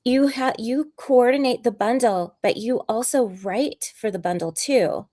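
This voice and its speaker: A woman's voice: a little high, warm tone. Gushing woman interviewer on a video call. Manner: gushing, quick questions, frequent laughs. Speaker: host. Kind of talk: casual interview.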